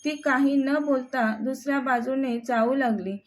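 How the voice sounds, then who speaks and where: A woman narrating a romantic story in a steady, plain reading voice. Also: high voice, a little slow.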